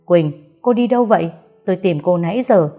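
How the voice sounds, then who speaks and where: A woman reading a young man, easygoing and gentle. He stays low and mellow, close to the narrator's own storytelling voice. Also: lively intonation, fairly quick, faint music behind. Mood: worried. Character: calm, protective young man.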